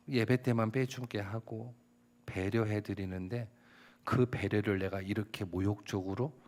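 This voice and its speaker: A middle-aged male pastor preaching a sermon, telling personal stories and acting out quoted dialogue, sometimes rising to a shout. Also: fairly low pitch.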